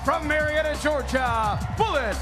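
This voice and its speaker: A man making formal, drawn-out introductions as a wrestling ring announcer. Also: very high-pitched, loud music behind the voice.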